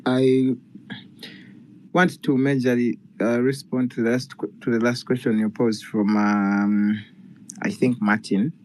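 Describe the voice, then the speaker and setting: A man answering questions at an online party meeting in a measured, formal way with some fillers. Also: medium pitch, flat delivery, slight background noise, low-quality recording.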